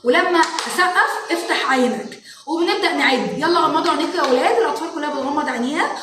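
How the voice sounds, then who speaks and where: An Egyptian woman, a parenting educator and show host, explaining classroom activities to parents in an animated way and acting out what children say. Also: high voice, fast talker, a little hiss or hum. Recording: echoey room, mic at a distance.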